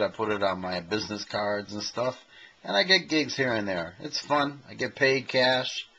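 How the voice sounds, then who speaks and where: A man's voice: medium pitch, fairly bright tone, muffled recording, slight background noise. A man in his fifties doing a rambling, self-mocking comedy monologue to a camcorder in his own room. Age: 50s. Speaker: amateur comedian and impersonator. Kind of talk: stand-up comedy monologue to camera. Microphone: handheld camcorder mic.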